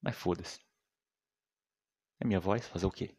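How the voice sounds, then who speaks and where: A young man rambling in a casual, slangy monologue full of swearing, often trailing off quietly. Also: low voice, a little slow, breathy edge.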